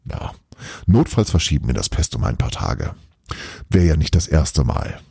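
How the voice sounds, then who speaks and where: A man's voice: a bass voice, very animated, moderate pace, creaky, dark tone, breathy edge, no room sound, clean studio sound, full character voice. A man voicing a stubborn old Santa Claus who lectures his elves in a persuasive way, in a storybook reading. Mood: cheerful.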